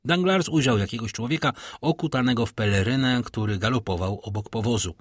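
A man reading a classic novel aloud as an audiobook narrator, telling it expressively with a husky voice. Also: medium pitch, brisk, no echo, clean studio sound. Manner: expressive storytelling with vivid intonation.

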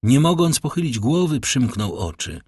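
A man narrating a classic novel as an audiobook in a measured, dramatic reading. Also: medium pitch, very animated, a little mellow, breathy edge, dry recording, clean studio sound.

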